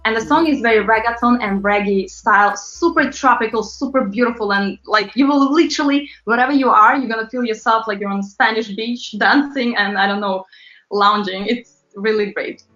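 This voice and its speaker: A woman from Latvia, a pop singer guest, chatting in a lively, animated way in an interview. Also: on the high side, fairly quick. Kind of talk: casual interview talk. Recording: roomy, slightly muffled sound with faint music.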